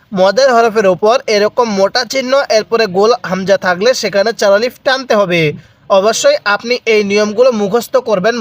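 A high-voiced man from Bangladesh gives a step-by-step Quran recitation lesson. He spells out letters and drawn-out vowels slowly and has the learners repeat after him.

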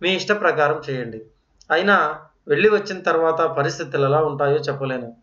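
A man's voice: a little high, a little fast, bright, forceful tone, recorded from a distance. A man voicing an earnest, polite young student. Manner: respectful, earnest and restrained. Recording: roomy, dull lo-fi.

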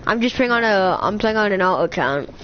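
A woman streaming a video game who chats loudly and playfully, teasing a teammate over a headset. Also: mid-range voice, lively intonation, a little fast, lo-fi sound, a little hiss or hum. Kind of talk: casual gaming stream chat.

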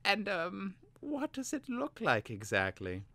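Vilnix, a man putting on a high, scheming young apprentice. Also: wildly swooping pitch, takes it slowly, gravelly, bright, forceful tone, dry recording, full character voice. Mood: wheedling. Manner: wheedling, tentative.

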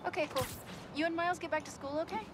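Caring, brisk woman voiced by an actress, high pitch, fast natural game dialogue, noisy street ambience. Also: steady tone, lightly acted. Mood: friendly, brisk.

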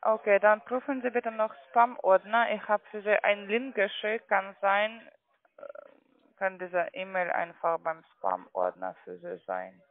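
This non-native call centre agent, whose first language isn't German, makes an ungrammatically phrased sales call for trading accounts. His high voice is expressive and measured in pace. The phone line sounds narrow and muffled, with no room sound.

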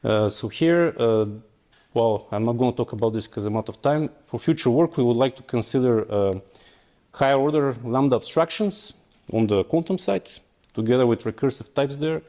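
In a lecture auditorium, a young conference speaker gives a technical talk and takes questions, hesitating with many fillers and restarts. His voice is medium-pitched, animated and dark in tone, at a moderate pace.

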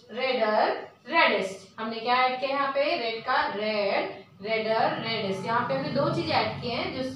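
High-voiced teacher in an echoey room. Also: female voice, a bit bright, distant mic, a little hiss or hum. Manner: mixes Hindi and English, reads rules slowly, asks and answers own questions. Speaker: English teacher. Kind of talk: online grammar lesson.

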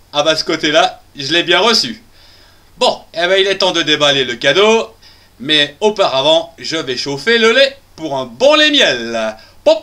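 A jolly, clumsy cartoon bear, voiced by a man, giggling as he chats to the children. His voice sits fairly high and swoops up and down with a lively, sing-song lilt. The tone is bright and ringing, and he takes his time over each line. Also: exaggerated voice. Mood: amused. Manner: chats straight to the young audience. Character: jolly clumsy male bear, chatty birthday boy. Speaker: children's story character. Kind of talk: children's storytelling.

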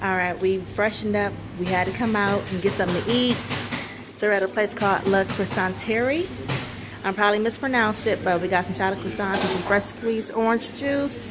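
A woman narrating a casual travel vlog with a handheld camera, chatty and relaxed, moving through a hotel room and city streets. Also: medium pitch, a little fast, over music. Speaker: vlogger. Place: hotel room, streets and shops, indoors and outdoors.

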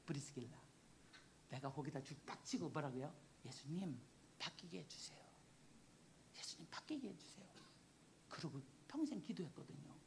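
An older woman, in her sixties, preaches in a church. She tells her story with animated emotion. Her voice sits fairly high and leaps all over its range. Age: 60s. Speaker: missionary preacher. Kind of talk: sermon testimony. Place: church sanctuary.

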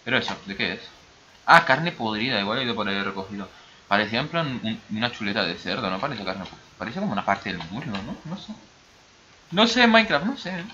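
A man's voice: on the low side, expressive, fast, bright, forceful tone, lo-fi sound, slight background noise. A man from the Basque Country with a mixed Basque and Brazilian accent, chatting casually as he comments on his gameplay. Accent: mix of Basque and Brazilian Spanish. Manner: rambling, chatty, talks to himself. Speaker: gaming YouTuber.

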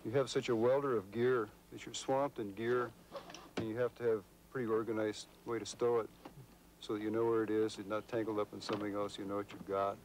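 Middle-aged male field scientist, unscripted on-camera explanation outdoors, warm dark voice, faint hum. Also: on the low side, little pitch movement, a little fast, poor audio. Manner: unscripted, explains with gestures, some restarts. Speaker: scientist explaining geology and diving. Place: outdoors by a rocky cliff.

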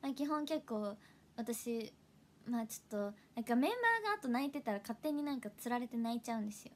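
A young woman with a chats casually to her livestream viewers. She speaks with a fairly high voice, giggling often and sometimes dropping into a soft whisper. She sounds close to the mic. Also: expressive, fast, a little hiss or hum. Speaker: idol livestream host.

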